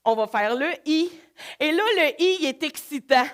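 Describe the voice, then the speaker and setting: High-voiced Québécois woman leading a workshop. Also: moderate pace. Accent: Québécois French. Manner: energetic, coaxing. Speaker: laughter workshop leader. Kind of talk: live workshop talk to an audience.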